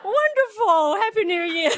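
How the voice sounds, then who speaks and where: Speaking slowly in a very high voice with lively intonation, a chatty Cantonese-speaking woman addresses a worship service as a guest. Her casual cultural talk uses call-and-response; she laughs a lot and has the crowd repeat words after her.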